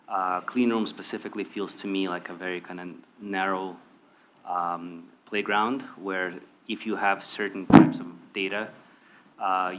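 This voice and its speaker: A man with a deep voice speaks reflectively on a conference panel, often hesitating. Faint room ambience sits behind him. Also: a little hiss or hum, low-quality recording. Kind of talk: panel discussion.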